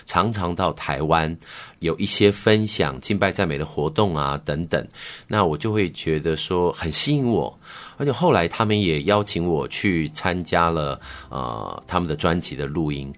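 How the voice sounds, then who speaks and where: A middle-aged man with a Taiwanese Mandarin accent, recounting his life story in an interview with earnest, animated emphasis. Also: sits low, moderate pace. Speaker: worship musician, interview guest.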